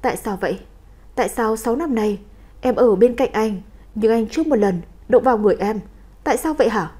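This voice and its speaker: A clingy, sweet-talking young woman, played by a female storyteller. She wheedles and pleads, her words pouty and insistent. The voice stays mellow and mid-pitched. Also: normal speed, natural voice. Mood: aggrieved. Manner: coaxing, whiny and pleading.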